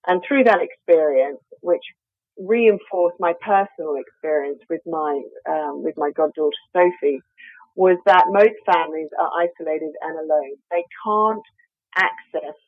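Over a tinny, dry phone connection, an Australian company founder answers interview questions with many hesitant fillers. She has a deep, unhurried voice, and there's no room sound.

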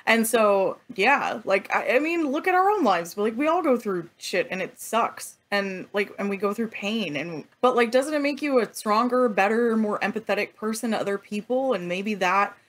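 A woman's voice: mid-range voice, expressive, moderate pace, few pauses. A woman co-hosting a casual TV discussion, earnest and thoughtful, with many fillers.

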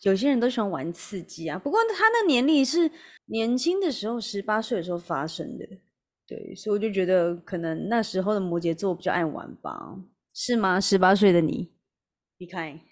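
A young woman chats on her podcast with a giggly, storytelling energy. Her voice swings widely in pitch and bounces through each anecdote. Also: very animated, fairly quick. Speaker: podcast co-host. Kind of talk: casual chat.

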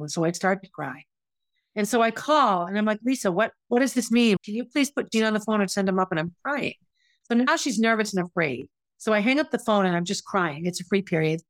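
A woman's voice: medium pitch, dry recording. Woman, middle-aged, frustrated, emotional, personal storytelling, dry recording. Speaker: podcast host, former teacher.

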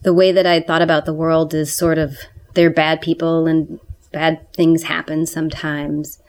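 Give me a woman with a disguised, deep voice. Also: level tone, a little slow, darkish tone. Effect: voice disguised, pitched deep. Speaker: interviewee. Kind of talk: documentary interview.

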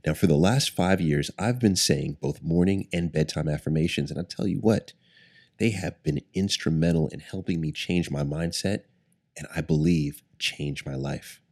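A man guiding breathing and affirmations as a podcast host, speaking in measured, instructional short phrases with deliberate pauses. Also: rumbling low, darkish tone. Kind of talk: guided breathing and affirmation coaching. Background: background music.

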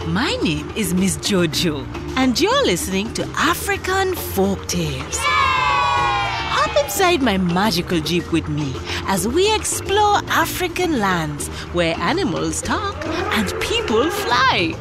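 Animated, unhurried woman telling children's stories. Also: fairly high pitch, loud music behind the voice, over a noisy crowd. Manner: playful, exclaiming, addresses little listeners like a children's entertainer. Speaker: children's story show host. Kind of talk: animated children's storytelling, scripted narration.

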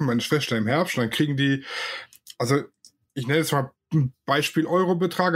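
Joking man in his thirties. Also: mid-range voice. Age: 30s. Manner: joking, colloquial. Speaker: podcast co-host. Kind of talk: casual podcast chat.

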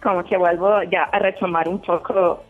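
A woman from Mexico calling in to a radio show, excited and hesitant, slipping into English words. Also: on the low side, moderate pace, faint music behind. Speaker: caller. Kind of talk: phone call to radio show. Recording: tinny phone line.

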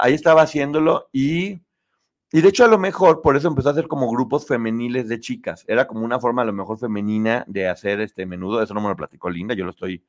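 A man with a Mexican Spanish accent hosting a live stream, chatting with viewers, reading their comments aloud and laughing often. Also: medium pitch. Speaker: host.

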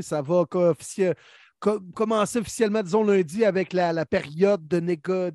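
A male sports host with a distinctly high-pitched voice. He interviews conversationally, and the sound is very dry, free of room echo. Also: darkish tone.

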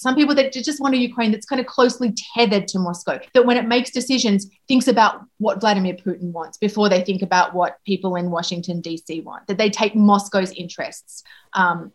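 Answering an interviewer, a woman who works as a foreign correspondent speaks at medium pitch. She's reflective, stopping often and starting over.

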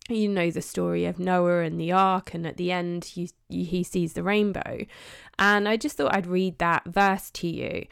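Heartfelt chatty woman, gravelly edge. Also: mid-range voice. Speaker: podcast host. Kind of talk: devotional podcast monologue.

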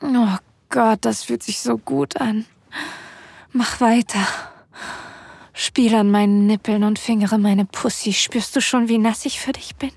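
Casting: woman for adult ASMR role-play audio. Airy, extremely breathy delivery, intimate manner, close and dry recording. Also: a little high, steady tone, unhurried, a little mellow, dry recording. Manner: sensual, intimate, addressing the listener directly. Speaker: erotic audio performer. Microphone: close microphone, dry sound.

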